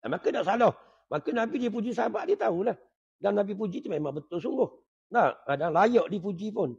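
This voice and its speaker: A man's voice: high-pitched, very animated, fast talker, creaky, darkish tone, slightly rough. A man giving a conversational religious lesson, often checking with his listeners. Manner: conversational, keeps asking the audience "right?". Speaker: religious teacher. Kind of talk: sermon. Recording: dull lo-fi recording.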